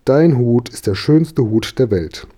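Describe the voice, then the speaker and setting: A man voicing a warm-hearted mother in a children's storybook reading, speaking in a soothing, coaxing way. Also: medium pitch, lively intonation, takes it slowly, husky. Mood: reassuring.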